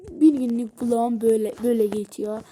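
A chatty woman narrating a toy role-play game for her viewers. Her voice is high and upbeat, and she talks to the audience in a casual way. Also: steady tone, brisk, mellow, a little hiss or hum.

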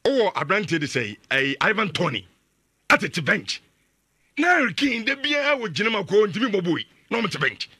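A man with a Ghanaian English accent co-hosting on radio, bantering lively at a studio mic and mixing in local words. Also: high-pitched, moderate pace, breathy edge, no echo. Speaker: radio co-host. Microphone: studio mic with headphones.

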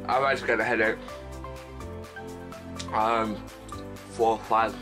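A young man with a lowish voice talks casually to his camera, chatty and playful, words a little mushy from chewing gum. Music plays clearly underneath his voice. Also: level tone, slow pace. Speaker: vlogger.

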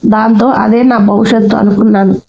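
A woman narrating a sad story in the first person, slow and sorrowful. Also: medium pitch, little pitch movement, gravelly, dull audio.

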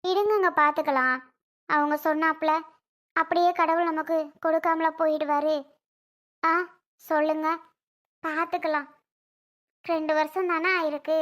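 A woman playing a gentle young wife who coaxes and comforts her crying husband. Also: sits high, level tone, normal speed, long pauses. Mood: soothing. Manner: soothing, coaxing.

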